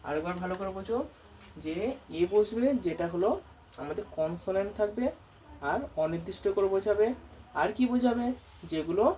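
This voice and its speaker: A woman who runs a coaching centre teaches an English grammar lesson, repeatedly asking her students questions and then answering them herself. Her voice is medium in pitch with a dark tone. A distant mic picks her up alongside faint background noise.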